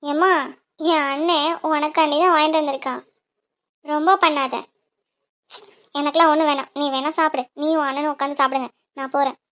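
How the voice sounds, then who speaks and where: A woman voicing a high, teasing cartoon sister. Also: steady tone, brisk, pauses often, a bit bright. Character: young female college student, cheerful teasing sister. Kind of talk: cartoon dialogue.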